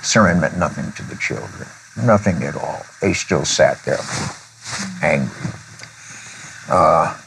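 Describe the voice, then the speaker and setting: An older man, a former preacher, telling a children's story during a conversation. He talks deliberately, with pauses and throat-clearing. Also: rumbling low, animated, noisy background.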